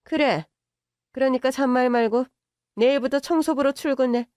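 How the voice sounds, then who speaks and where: A woman's voice: sits high, moderate pace, a little mellow, no room sound, clean studio sound, voice pushed up, lightly acted. A woman voicing a haughty, contemptuous middle-aged mother-in-law who scolds and belittles in a story drama. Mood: scornful. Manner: sneering, bossy, scolding in banmal. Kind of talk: audio drama story reading.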